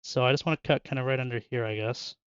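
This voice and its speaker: A man's voice: medium pitch, fairly even intonation, quick pace, smooth, dry recording, muffled recording. A young man chatting casually and joking with viewers while opening card packs in his bedroom, laughing often. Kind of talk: casual chat with live chat. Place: bedroom at home.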